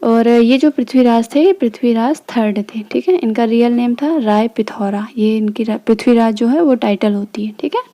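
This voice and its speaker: A woman's voice: fairly high pitch, moderate pace, hardly any pauses, warm tone. A woman from India teaching a history lesson in a casual, chatty way, often stopping to check in with her listeners. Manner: chatty, frequent "theek hai" check-ins.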